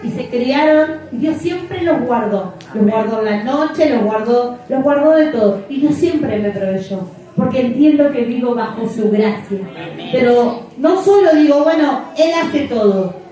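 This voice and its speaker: A woman's voice: high voice, lively intonation, unhurried, dark tone. A middle-aged woman pastor preaching a sermon, emphatic and repeating phrases for effect. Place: church. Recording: echoey church from far off.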